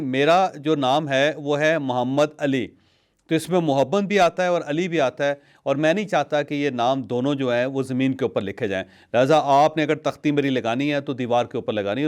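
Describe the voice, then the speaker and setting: Man with a higher voice telling stories. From Pakistan. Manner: storytelling, measured, with hesitations. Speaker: host. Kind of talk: casual health talk.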